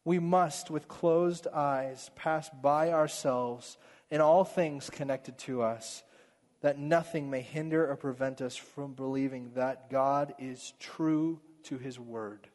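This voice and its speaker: A man preaching a sermon as pastor, earnest, swinging between fervent passages and hushed ones. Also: mid-range voice, steady tone, slow pace, big-room sound.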